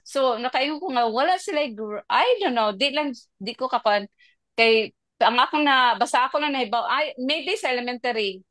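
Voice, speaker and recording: Animated Filipino woman teacher. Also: high-pitched, moderate pace, no echo. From Philippines. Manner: animated storytelling, acting out classroom exchanges with laughs. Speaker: teacher sharing her experience. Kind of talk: casual podcast chat.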